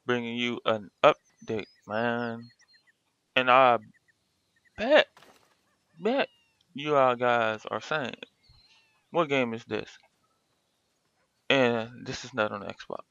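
A man's voice: mid-range voice, expressive, takes it slowly, long pauses, bright, forceful tone, clean tone, dry recording, lo-fi sound. A man talking casually in a gaming commentary, sleepy from just waking up, rambling through his story with lots of fillers.

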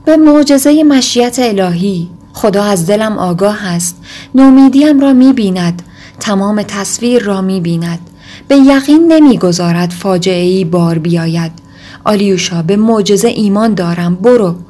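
A woman voicing an agitated, desperate young man in an audiobook reading, with intense outbursts that rise in pitch. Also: expressive, dark tone, natural voice.

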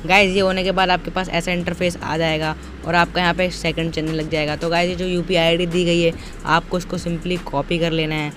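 Brisk, with hardly any pauses, a young man speaks in a level tone with a voice on the high side. As a tutorial presenter he gives an informal, step-by-step voice-over with repetitive instructional phrasing, recorded amid noisy, traffic-like outdoor sound.

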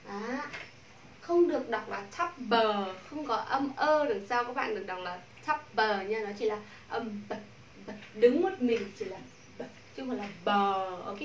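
A woman with a Vietnamese accent teaching English pronunciation to a class, modeling sounds slowly and repeating drills. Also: fairly high pitch, distant mic. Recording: echoey room, from the mic, faint noise.

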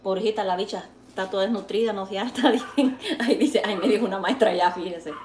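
A middle-aged woman with a Salvadoran accent, a cooking vlogger, chats casually with her live viewers while serving food, calling them sweet pet names. Her medium-pitched voice is a little mellow and she talks fast, sounding chatty and affectionate. The room is echoey, with faint background noise.

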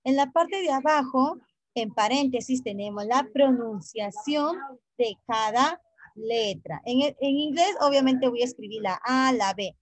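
A woman teaching an online English class, patient and deliberate, repeating each point in English and then Spanish and spelling letters out one by one. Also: fairly high pitch, no echo.

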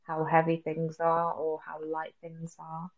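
A young woman from South Sudan co-hosting a podcast from the UK, speaking in a thoughtful, unhurried, soft-spoken way. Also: low-pitched, completely flat delivery, narrow, tinny audio. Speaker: podcast co-host. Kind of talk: casual podcast chat. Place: home in the UK, remote call.

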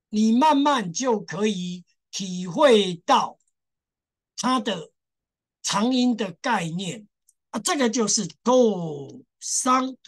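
A woman teaching a language class, patiently drilling sounds, repeating syllables and stressing the exceptions to her students. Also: medium pitch. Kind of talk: classroom lesson.

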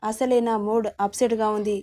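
Irritable young heir, read by a woman, brusque, high-ish. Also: flat delivery, moderate pace, dark tone, natural voice. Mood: irritated. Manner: curt, annoyed.

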